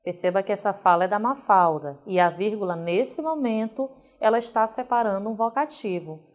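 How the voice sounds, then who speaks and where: A woman teacher with a Brazilian Portuguese accent, giving a recorded video lesson and reading example sentences slowly with careful emphasis. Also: medium pitch.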